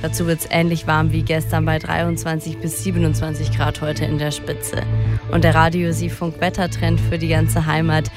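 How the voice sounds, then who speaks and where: A woman presenting the weather on a morning radio show, lively and chatty. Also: low voice, normal speed, music in the background.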